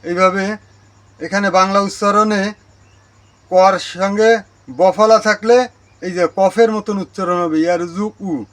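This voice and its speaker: Slow, high-voiced Bangladeshi Bengali man teaching. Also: fairly even intonation. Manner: slow, careful, repeats Arabic words to correct pronunciation. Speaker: Islamic teacher and channel host. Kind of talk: religious lesson on Quran recitation.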